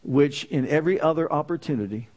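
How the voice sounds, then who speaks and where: A man's voice: a little high, fast talker, darkish tone. A man preaching a sermon as pastor, with emphatic repeated declarations.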